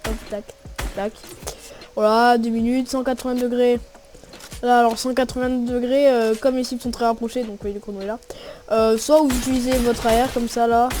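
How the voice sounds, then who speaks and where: Relaxed slangy young woman, higher voice. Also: normal speed. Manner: slangy and relaxed, narrating with spoken shot noises. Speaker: gaming video creator. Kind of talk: casual gameplay tutorial commentary. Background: music and gunfire from the game.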